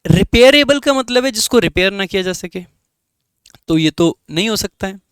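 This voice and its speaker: A man's voice: high-pitched, expressive, moderate pace, a bit bright, clear, resonant tone, dry recording. A man with an Indian English accent teaching an online exam-prep lesson, explaining each answer option step by step.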